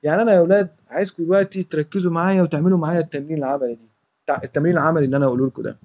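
Brisk, emphatic Egyptian woman teaching children. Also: low voice, steady tone, dark tone, muffled recording. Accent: Egyptian Arabic. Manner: emphatic and repetitive, slows down to recite verses. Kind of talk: religious lesson for children.

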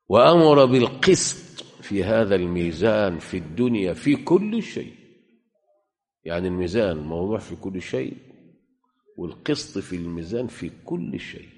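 A man's voice: low-pitched, darkish tone, slightly rough. A man preaching a sermon with an Egyptian Arabic accent, emphatic, putting rhetorical questions to his listeners. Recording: long hall reverb.

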